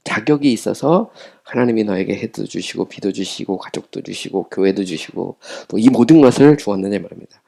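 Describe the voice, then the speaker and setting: Middle-aged male professor, gravelly low voice, conversational lecture with slow English readings. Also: expressive, warm tone. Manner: reads English lines slowly, then explains in Korean with frequent tag questions. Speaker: professor teaching a theology text.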